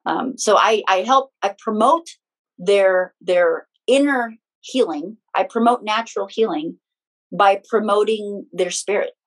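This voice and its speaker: Woman explaining in a halting, step-by-step way. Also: mid-range voice, low-quality recording. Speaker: guest, energy healing practitioner. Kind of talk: conversational interview explanation.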